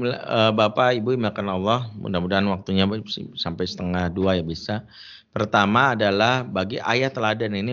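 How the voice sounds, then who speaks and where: A man's voice: on the low side, a bit bright. A man preaching a humorous sermon, emphatic and joking as he tells stories and gives advice, on a dull lo-fi recording.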